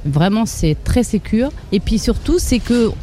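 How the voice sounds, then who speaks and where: A woman's voice: a little high, sing-song, a little slow, mellow, slight background noise. A woman from Paris, answering interview questions in a chatty way, with many fillers and restarts. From Paris, France. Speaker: interviewee, expatriate mother.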